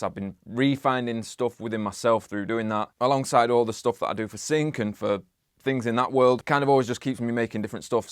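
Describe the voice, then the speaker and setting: A man's voice: on the low side, clear, resonant tone, no room sound. A young man who makes music, talking casually about his process in his home studio, rambling with lots of "like". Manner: relaxed, rambling, many "like" fillers. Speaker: music producer. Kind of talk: casual studio vlog talk.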